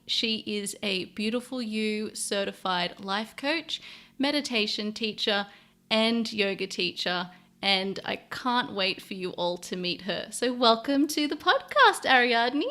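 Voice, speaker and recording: A woman's voice: fairly high pitch, bright, forceful tone. A woman hosting a podcast, talking in an enthusiastic, chatty way with fillers and restarts. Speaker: podcast host. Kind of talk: podcast intro and interview.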